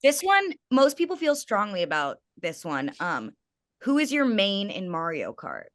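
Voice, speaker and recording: A woman's voice: medium pitch, huge pitch swings, unhurried, a bit bright, no room sound, clean studio sound. A woman co-hosting a casual podcast, asking questions with bubbly, joking asides. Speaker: podcast co-host.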